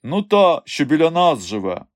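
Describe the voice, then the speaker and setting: A man's voice: fairly high pitch, big pitch swings, normal speed, dry recording, studio quality, voice pushed up. Guy doing a shy young village strongman, earnest and a bit timid.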